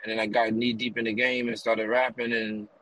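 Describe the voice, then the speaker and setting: A US East Coast man, a rapper and music promoter appearing as a guest, tells long rambling stories in a casual interview while riding in a car. His voice is lowish, bright and forceful, with a flat, slightly fast delivery, recorded in low quality. His run-on stories are packed with fillers and "you know what I mean."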